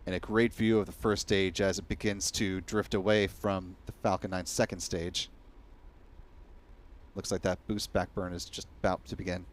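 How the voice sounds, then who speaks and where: Guy doing live launch commentary, lowish voice, pretty flat and measured.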